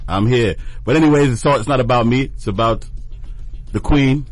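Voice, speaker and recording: A man's voice: medium pitch, moderate pace, no echo, soft background music. Man DJ, laid-back promo voice, casual hype. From Washington, D.C. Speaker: DJ and event promoter guest. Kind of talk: radio show announcement.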